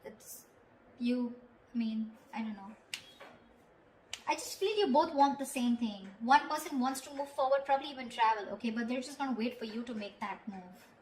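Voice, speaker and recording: A woman gives an improvised tarot reading in a slightly high, somewhat mellow voice at a moderate pace. She speaks directly and conversationally to the listener, checking in often. The room is echoey, with faint background noise.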